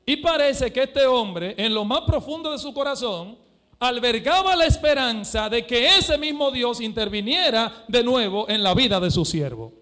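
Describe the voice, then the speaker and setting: A man preaching a sermon as pastor, fervent, swinging from hushed to shouted and asking his listeners direct questions. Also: very high voice, lively intonation, moderate pace. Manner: asks the congregation direct questions.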